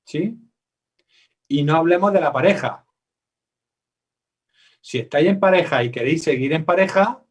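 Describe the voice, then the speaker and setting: Recorded from a distance, a man from Spain with a somewhat high voice teaches parents at a live workshop as a psychologist. His style is conversational: he poses questions to the audience and performs quotes.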